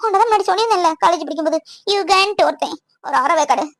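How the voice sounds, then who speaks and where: A woman's voice: extremely high pitch, rapid-fire, a bit bright, no echo, clean studio sound. A young woman voicing a lonely, tearful girlfriend who complains and pleads with her boyfriend.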